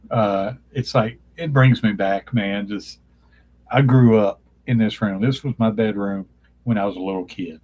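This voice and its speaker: Live-streaming from the bedroom he grew up in, a man with a fairly low, slightly mellow voice chats in a wandering, nostalgic way. He keeps pausing mid-sentence to search for names, and his voice is drying out after talking so long.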